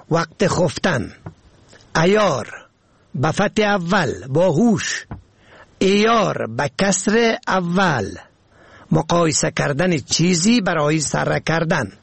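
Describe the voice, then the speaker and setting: A man reading a pronunciation lesson on radio, slow and deliberate, spelling words out letter by letter. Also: a little high, creaky, slightly rough, no echo.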